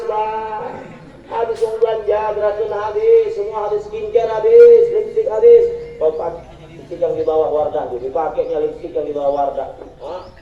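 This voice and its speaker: A man giving a lively, humorous sermon at a school religious gathering, telling stories and speaking straight to his listeners. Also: high-pitched. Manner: jokey, storytelling, addresses the audience directly. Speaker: Islamic preacher. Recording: echoey room, distant mic, dull lo-fi.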